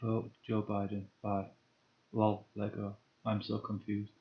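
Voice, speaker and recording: A man's voice: fairly low pitch, completely flat delivery, a little slow, vocal fry, highs cut off. Chatty fifty-something man. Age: 50s. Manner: chatty, muttering to himself, reading out viewer comments. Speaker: live-stream Lego builder. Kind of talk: casual live-stream chat while building.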